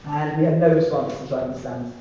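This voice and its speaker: A very echoey, muffled recording of a man chairing a formal meeting. His voice is a little high for a man and mellow, and he speaks courteously in halting phrases. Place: indoor parish council meeting room. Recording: muffled, echoey room, distant mic, faint noise.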